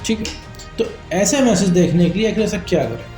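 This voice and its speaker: A man's voice: high voice, expressive, brisk, warm tone, reverberant, faint music behind. A man talking straight to his viewers, giving relationship advice in an informal, lecturing way and often calling the listener his friend. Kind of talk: direct-to-camera advice talk.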